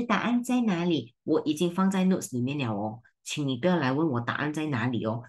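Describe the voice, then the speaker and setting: A woman tutor with a Malaysian Mandarin accent, teaching an online seminar in a brisk, teasing way and mixing in English and Malay. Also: sits low, husky.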